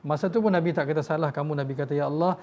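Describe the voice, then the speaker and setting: Talking very fast in a slightly high, slightly mellow voice, a man preaches a sermon on dull audio. He has a Malaysian Malay accent, tells moving stories, voices the figures he quotes, and speaks directly to the audience as tuan-tuan.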